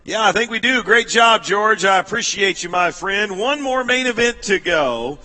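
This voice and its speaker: A man calling a stock car race over the public address, energetic and rallying the crowd. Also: sits high, moderate pace. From United States. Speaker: race announcer.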